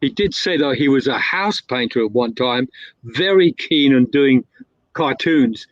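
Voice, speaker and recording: This guest, a man with a medium-pitched voice and lively intonation, unhurriedly rambles through a long story, full of fillers and self-corrections. His words come through a dull, dry, lo-fi recording with no echo.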